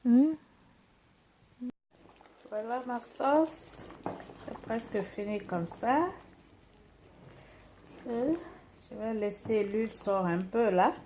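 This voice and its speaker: A woman's voice: on the high side, very slow, pauses often, warm tone, slight background noise. A tired woman vlogging casually while she cooks, chatting playfully to her viewers. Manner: playful, talks to viewers and herself while cooking. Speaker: cooking vlogger. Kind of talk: casual vlog chat, switching between languages.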